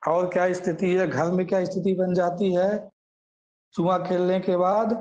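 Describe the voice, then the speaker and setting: A man's voice: high-pitched, level tone, unhurried, a little mellow, lo-fi sound. A man teaching scripture, chanting Sanskrit verses and then explaining them line by line, asking questions and answering them himself.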